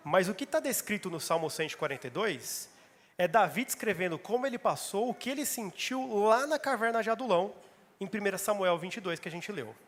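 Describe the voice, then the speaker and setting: Pastor, male, fairly high voice, emphatic repeating sermon, reverberant church hall. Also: expressive, fairly quick, fairly bright tone. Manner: emphatic, repeats phrases for stress.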